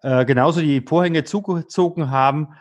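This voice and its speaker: Man, interviewer; hesitant, rambling questions, somewhat high pitch. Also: moderate pace. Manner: hesitant, filler-laden questions.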